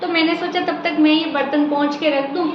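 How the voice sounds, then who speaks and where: A woman playing a gentle, fair-minded older mother who talks softly and reasons calmly, in a home-made family drama skit recorded in a roomy room. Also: sits high, fairly quick, slight background noise, lightly acted. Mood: soothing. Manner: soft, patient, calmly reasoning. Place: indoors at home. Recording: roomy, dull lo-fi sound.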